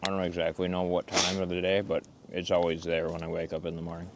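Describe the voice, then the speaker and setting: A laid-back man with a low, deep voice chats by a snowy campfire, chuckling between remarks. The outdoor recording carries clear, steady background noise under his voice. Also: quick pace. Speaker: channel co-host. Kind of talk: casual chat. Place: outdoors by a campfire in falling snow.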